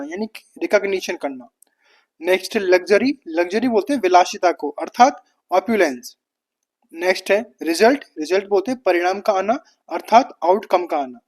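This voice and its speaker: A woman teaching exam vocabulary, briskly listing words and their meanings. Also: mid-range voice, darkish tone.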